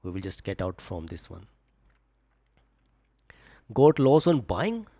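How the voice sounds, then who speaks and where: Here the young forex trading streamer speaks slowly in a low, gravelly voice. Casual and relaxed, he talks trades on his live stream, reads comments aloud, and coaches viewers, peppering it all with "just, like."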